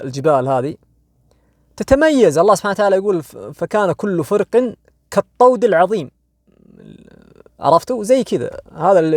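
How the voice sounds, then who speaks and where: A man's voice: high voice, dry recording, clean studio sound. A young man with a Saudi accent retelling a horror story to his audience, casual and conversational, drawing out the tense moments. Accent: Saudi Arabic. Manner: conversational, asks listeners "you know?", frequent restarts; swings between quick asides and slow, dramatic drawn-out phrases.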